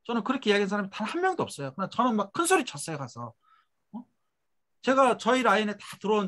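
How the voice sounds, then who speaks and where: In a seminar promoting a network marketing business, a middle-aged man lectures with emphasis, throwing out rhetorical questions. His tag phrases sink low and quiet as they trail away.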